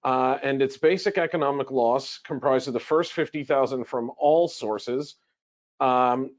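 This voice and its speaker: A man with a medium-pitched, slightly dark voice presents a legal webinar, the recording's highs cut off. He speaks conversationally from notes, posing questions and then answering them in an explanatory lecture style.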